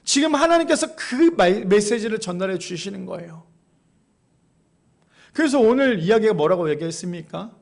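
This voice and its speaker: A man's voice: high-pitched, lively intonation, normal speed, gravelly. A man preaching a sermon as pastor, emphatic, often quizzing the congregation.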